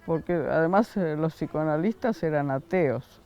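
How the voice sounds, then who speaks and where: An older man from Argentina with an Argentine accent, unhurried in the interview and often laughing softly. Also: fairly high pitch, lively intonation, clear, resonant tone, muffled recording. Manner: unhurried, with frequent soft laughs. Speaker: interviewee, founder of a school. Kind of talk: reflective interview answers.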